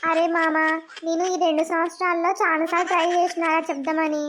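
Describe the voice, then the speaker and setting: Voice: extremely high pitch, little pitch movement, quick pace, a bit bright. A voice actor playing a devoted, shy young village man in a cartoon, speaking earnestly with a Telangana accent. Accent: Telangana Telugu. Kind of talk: cartoon voice acting.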